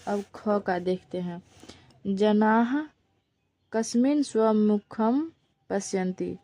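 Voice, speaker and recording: A woman's voice: mid-range voice, mellow. A woman teacher, patiently explaining a lesson and repeating each word for pronunciation practice. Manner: slow, patient, repeats words for pronunciation drill. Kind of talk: Sanskrit lesson explained in Hindi.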